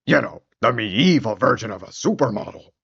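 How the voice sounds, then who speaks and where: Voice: medium pitch, animated, brisk, creaky, a bit bright, breathy edge, dry recording. A storyteller giving a theatrical, wry comic narration of a fairy tale on a dull lo-fi recording.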